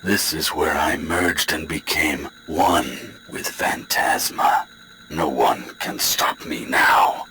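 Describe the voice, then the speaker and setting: A menacing villain from a mecha video game, with an exceptionally deep voice. He speaks slowly and ominously, like one merged with his war machine and sure of his power, over clearly noisy game sound. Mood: menacing, triumphant.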